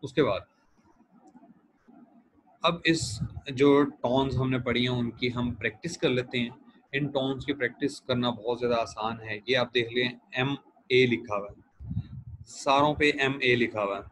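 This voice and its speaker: A male language teacher delivers a recorded lecture in a steady, middle-pitched voice. He explains each point patiently and repeats every sound slowly so learners can copy it. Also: poor audio.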